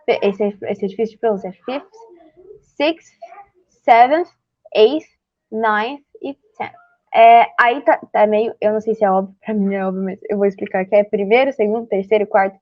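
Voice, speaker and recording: High-voiced Brazilian woman teaching English. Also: no echo, muffled recording. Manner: chatty, filler-heavy, self-correcting. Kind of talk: casual online English lesson.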